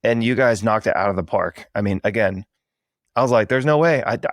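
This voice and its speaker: A man's voice: fairly low pitch, steady tone, a little fast, dry recording, studio quality. A man hosting an interview podcast, chatting enthusiastically and heaping praise on his guest in a casual, effusive way. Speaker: podcast host.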